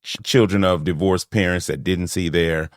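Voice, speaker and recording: A podcast host with a low, steady voice chats casually at a moderate pace, animated, laughing often and acting out quotes. The studio sound is clean with no echo.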